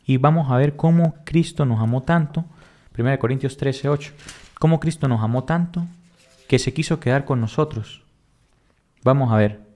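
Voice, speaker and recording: A man's voice: mid-range voice, darkish tone. Man teaching a repetitive Bible lesson. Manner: asks questions and answers them himself; repetitive, emphatic, reads verses slowly.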